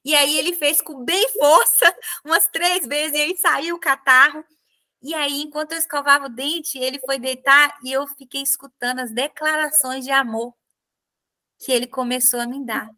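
A woman's voice: high-pitched, steady tone, moderate pace, pushed and bright. A woman with a Brazilian Portuguese accent hosting a podcast interview, speaking earnestly as a mother with many tag questions and fillers. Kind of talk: conversational interview talk.

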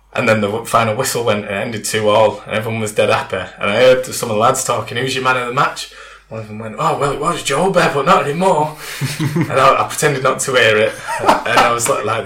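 A man's voice: mid-range voice, pushed and bright, roomy sound. A young man, telling a story in casual chat and swearing freely. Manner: chatty, swears freely, laughs through stories. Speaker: guest.

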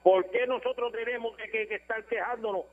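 High-voiced Puerto Rican caller on a tinny line. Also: male voice, fairly even intonation, a little fast. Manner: ranting, insistent. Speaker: radio caller. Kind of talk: phone-in opinion.

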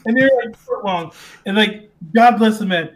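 Young adult, mid-pitched voice, animated storyteller who keeps laughing; casual chat. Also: normal speed.

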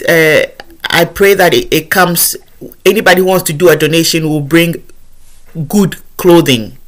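A woman from Ghana, hosting a podcast interview in an earnest, emphatic way and often repeating phrases as she thinks. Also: sits low. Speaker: podcast host.

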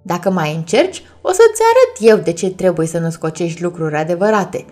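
A woman's voice: medium pitch, lively intonation, darkish tone, faint music behind, natural voice. A woman voicing an indignant know-it-all boy in a storybook reading, offended and threatening.

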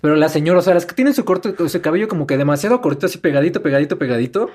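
A man's voice: on the high side, lively intonation, rapid-fire, darkish tone. A young man with a Mexican Spanish accent telling stories in a casual chat and animatedly mimicking other people.

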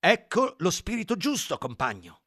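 A man voicing a sly male pig propagandist who talks shrill and insistent. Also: expressive, moderate pace, fairly bright tone, no room sound, studio quality. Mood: fervent. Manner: shrill, emphatic, wheedling preaching.

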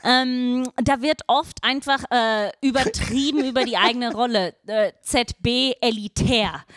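A woman guesting on a comedy podcast, teasing in a deadpan way. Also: fairly high pitch, unhurried, dry recording, studio quality. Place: home studio.

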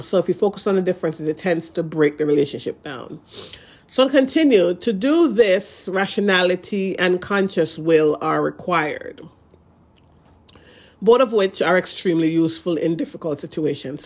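A blogger with a medium-pitched voice and a congested nose sounds nasal on every word. They read a relationship post aloud at a measured pace. Then, explaining it in their own words, they become halting, stalling and repeating themselves.

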